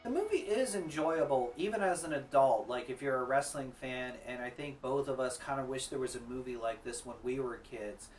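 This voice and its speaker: A man's voice: medium pitch, moderate pace, few pauses, far from the mic, soft background music. A man co-hosting a casual review chat about wrestling films, enthusiastic and conversational.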